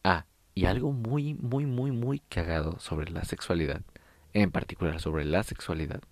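A Mexican man with a deep, low voice, talking straight to the camera in a frank, crude and joking way. The sound is close and dry, with no room echo. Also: moderate pace. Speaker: vlogger giving advice. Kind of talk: casual monologue to viewers.

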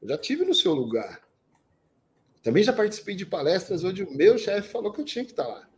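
High-voiced, emphatic male speaking coach. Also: a little fast, a little hiss or hum. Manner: energetic and emphatic, with big shifts in loudness and pace. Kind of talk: instructive podcast talk.

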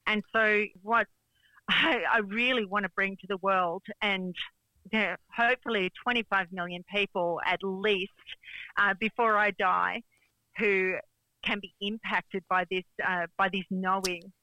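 Bright-voiced woman guest, earnest. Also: mid-range voice, fairly even intonation, measured pace, dry recording, rough recording. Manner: earnest, reflective, with small laughs. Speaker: guest, coach. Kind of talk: radio interview.

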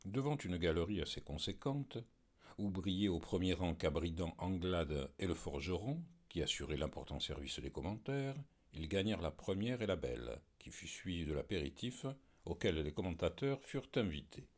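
Male audiobook narrator, measured and steady; deep, husky tone. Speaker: audiobook reader and podcast host. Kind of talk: scripted narration of a novel.

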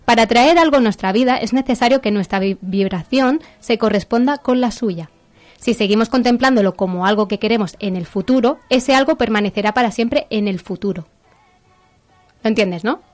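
A woman's voice: a little high, a little fast, faint music behind. A woman with a Castilian Spanish accent chatting casually as a segment host, enthusiastic and informal as she explains things step by step. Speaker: segment host presenting a book.

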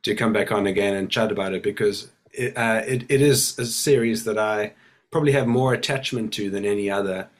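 A man, croaky and hoarse from a cold, chatting casually and hesitantly as a podcast guest. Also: on the low side, brisk. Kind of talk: casual chat.

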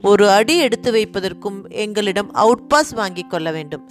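A tall male thug who mocks and commands, louder and bolder than the narration, as a woman reads him. His tone stays scornful and domineering. Soft music plays behind. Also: mid-range voice, expressive, fairly quick, lightly acted. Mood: mocking. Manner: mocking, commanding.

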